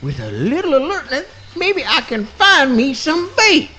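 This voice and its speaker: High voice, animated swooping delivery, folksy male possum acted out, mangled swamp dialect, radio play, music behind. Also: unhurried, heavily acted. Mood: folksy narrating. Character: folksy, mild-mannered male possum narrating his swamp tale. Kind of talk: live radio play acting.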